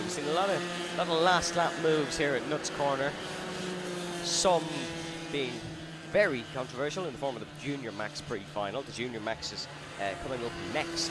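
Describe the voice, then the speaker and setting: Male motorsport commentator over loud engine noise. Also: medium pitch. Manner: commentates in running play-by-play, rising with the action. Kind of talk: live race commentary. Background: kart engines at an outdoor circuit.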